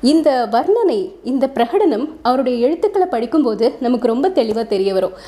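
Female narrator, fairly high, mellow voice, relaxed explanatory storytelling. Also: fairly quick. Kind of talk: narrating a short story with introduction.

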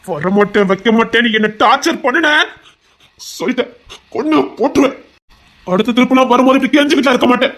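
A man's voice: extremely high pitch, fast talker, long pauses, a bit bright. A man playing a desperate young heart doctor. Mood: threatening. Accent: Tirunelveli Tamil. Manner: pleading, insistent, turning threatening. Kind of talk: audio drama acting.

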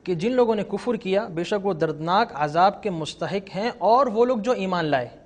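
A man with a somewhat high-pitched voice speaks as an interview guest. He patiently explains the rules of recitation and breaks into melodious chanting of verses. His delivery is calm and instructive. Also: normal speed.

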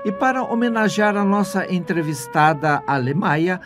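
Hosting a conversational radio interview, this man has a voice that sits high and a bit bright, with lively intonation at normal speed. The studio microphone, small foam-padded studio and clear background music complete the scene.

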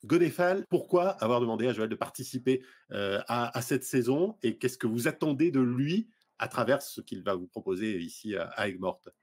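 A middle-aged man hosting a TV arts show, putting lively questions to his guests over a video call with many fillers. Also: medium pitch, normal speed, hardly any pauses, breathy edge. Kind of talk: broadcast interview questions.

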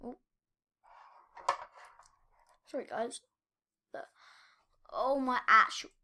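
A woman's voice: a little high, drawn-out words, sharp tone. A woman hosting a casual reaction vlog, exclaiming and shrieking, easily spooked, with sighs between remarks. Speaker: reaction video host.

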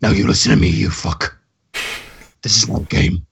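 A man's voice: normal speed, vocal fry, fairly bright tone, a little hiss or hum. A man voicing a stern masked hero who talks through a voice changer and scolds a teammate. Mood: scolding. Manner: scolding, lecturing. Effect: voice changer, lowered voice. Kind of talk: in-character tabletop roleplay.

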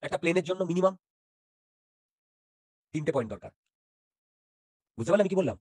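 A man's voice: fairly high pitch, animated, a little fast, darkish tone, breathy edge, no echo, studio quality. A man teaching physics in an interactive online class, often checking whether students follow and mixing in English terms.

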